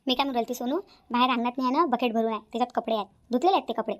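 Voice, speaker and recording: A woman's voice: fairly high pitch, very fast, natural voice. A woman voicing a polite, fussy elder sister-in-law in a cartoon.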